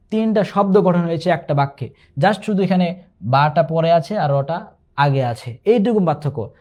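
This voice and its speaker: Male instructor, fairly high voice, patient online exam-prep lesson, repeats each term. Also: a little mellow, highs cut off. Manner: explains patiently, repeats key terms and asks rhetorical questions; slows to recite Arabic examples.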